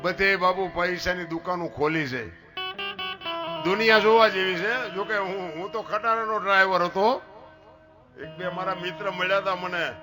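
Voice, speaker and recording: Male folk storyteller, high and rustic, teases the crowd, music behind. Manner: rustic, lively, teasing storyteller who asks the crowd questions. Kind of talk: humorous folk talk to an audience.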